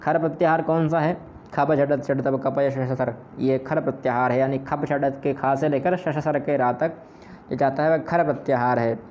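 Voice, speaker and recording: A man's voice: medium pitch, fairly even intonation, moderate pace, a little mellow. A man teaching Sanskrit grammar, explaining patiently step by step and repeating his examples. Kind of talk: explanatory lesson. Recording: slightly dull lo-fi audio with faint noise.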